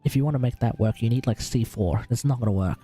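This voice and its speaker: A man with an Australian accent hosts a game livestream, chatting casually and giving advice on character builds while thinking aloud in an informal, sweary way. His mid-range voice is husky and dark in tone, and he talks fast. Faint music plays in the background.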